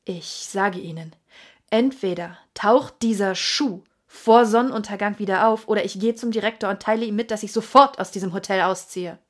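A woman reading an audiobook, voicing a hot-tempered American baronet who is loud and furious, with a husky American-accented voice. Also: medium pitch, steady tone, moderate pace, close to an everyday voice.

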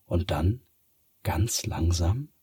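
A man reads a bedtime story in a slow, soothing way. His voice sits low and sounds husky and breathy. His pitch moves a lot as he tells it. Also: lively intonation, dark tone, no echo. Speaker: narrator.

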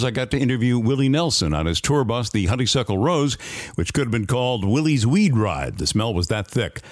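Lively-voiced man in his sixties, radio commentary. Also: lowish voice, no room sound. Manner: dry anecdotal storytelling. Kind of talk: scripted news commentary. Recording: dry close studio sound.

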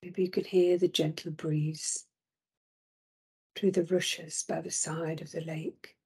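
Woman, meditation guide: very slow, husky and breathy, soft whispered delivery, slightly low. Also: level tone. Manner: slow, soothing, drifting into whispers.

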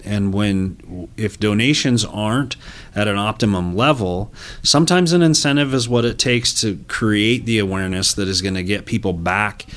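A man speaking as an interview guest, a business executive talking earnestly and haltingly with frequent restarts. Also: on the low side, a bit bright. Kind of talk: interview talk.

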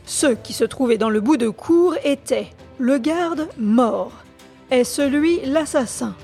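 A woman's voice: high-pitched, animated, slow, a little mellow, soft background music, pitched above the performer's own voice, full character voice. A woman voicing a stern male court president who questions in a formal, insistent way. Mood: questioning.

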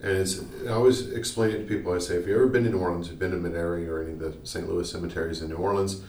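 A man's voice: low-pitched, steady tone, very fast, darkish tone. A man, co-hosting a podcast in casual chat and rambling through local history. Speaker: podcast co-host. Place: small study room. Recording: echoey room, mic at a distance, faint noise.

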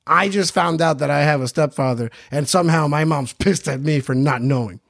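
A man's voice: fairly high pitch, fairly quick, gravelly, dry recording, clean studio sound. A man from Queens, New York, hosting a podcast and telling a childhood story in a profane, self-mocking comic way. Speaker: podcast host. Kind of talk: comedic storytelling.

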